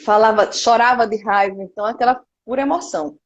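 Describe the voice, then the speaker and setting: A Brazilian woman in her thirties with a Northeastern accent and a somewhat high voice. She speaks openly and with energy, keeps checking in with the listener, and tells her working life the way people talk in a relaxed interview. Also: fast talker, lo-fi sound. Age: 30s. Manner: lively and frank, frequent "né" tags. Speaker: cultural producer, guest. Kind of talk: casual interview storytelling.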